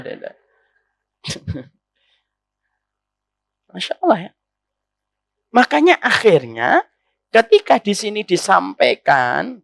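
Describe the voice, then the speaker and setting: A man's voice: high-pitched, gravelly, a bit bright, dry recording. A man preaching a sermon to a women's study circle, addressing the listeners as ma'am and asking them rhetorical questions.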